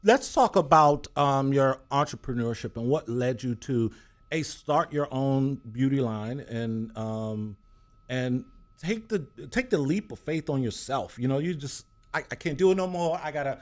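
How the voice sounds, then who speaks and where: A man's voice: medium pitch, unhurried. A man hosting a talk show, with a hyped, playful and joking way of talking. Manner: hyped, playful, jokey banter. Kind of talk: casual interview chat.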